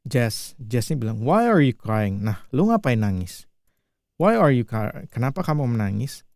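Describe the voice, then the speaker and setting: A man teaching English as a casual lesson, repeating each film line and restating it in relaxed slang. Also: medium pitch, unhurried, no room sound. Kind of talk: casual language lesson explaining film lines.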